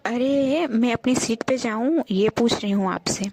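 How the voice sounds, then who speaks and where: A woman's voice: fairly high pitch, unhurried, darkish tone, no echo. A woman voicing a lovesick young female college student who complains and pleads in storybook dialogue. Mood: sulky.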